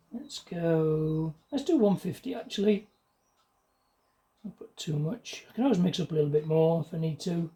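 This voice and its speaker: A woman's voice: sits low, noisy background. A woman talking casually to camera while spray-painting a car part in her home garage, her voice muffled by a paint mask. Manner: relaxed, chatty running commentary. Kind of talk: casual talk while working.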